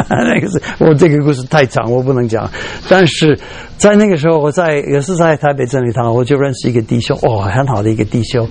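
A middle-aged man preaching a sermon, telling stories in an animated way, scattering English fillers through his speech, his voice leaping up when he acts out strong feelings. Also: brisk, gravelly, slight background noise. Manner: animated storytelling, voice jumps high when acting out emotion.

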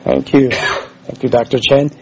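A middle-aged man from Houston, Texas, a former missionary, gives a casual sermon as guest speaker in a church hall. His scratchy, gravelly voice sits at medium pitch with fairly even intonation and a slightly slow pace, and the recording has its highs cut off. He's informal and self-deprecating, restarting sentences often.

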